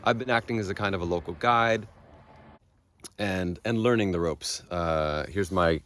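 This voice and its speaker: An American man speaking as a guest on an outdoor bike trip video, talking in a thoughtful, wry, soft-spoken way. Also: low-pitched, normal speed. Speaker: guest and local guide on the ride. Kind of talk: casual outdoor chat. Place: outdoors by a lake.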